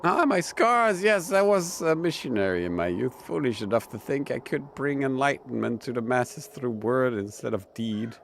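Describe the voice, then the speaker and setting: A man's voice: medium pitch, animated, normal speed, creaky, few pauses, a little hiss or hum. A man voicing a scarred, stern priest who speaks in a solemn, lecturing way. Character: scarred older Irish priest, stern and cryptic.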